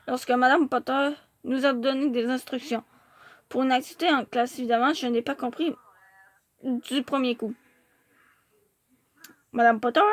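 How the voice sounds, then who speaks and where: A woman with a Québécois accent reads a novel aloud in lively first-person narration. Her voice is high, and the recording is close and dry with no room around it. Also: no echo.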